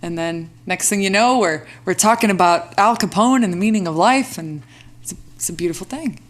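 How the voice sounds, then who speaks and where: A woman guest on a podcast talks in a casual, animated way. She is playful and quick to laugh, and her voice sits at an ordinary middle pitch. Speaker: guest recording artist.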